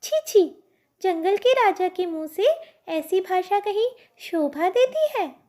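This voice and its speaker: A woman's voice: extremely high pitch, expressive, takes it slowly, warm tone, voice pushed up, full character voice. A woman teacher voicing a small, cheeky, boastful female fly who primly scolds a lion. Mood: scolding.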